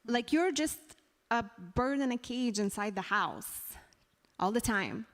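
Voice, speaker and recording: A woman from Afghanistan, a guest speaker, telling her story in a halting, earnest way with many fillers. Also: on the high side, animated. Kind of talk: sharing a personal story on stage. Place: church hall. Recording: long hall reverb.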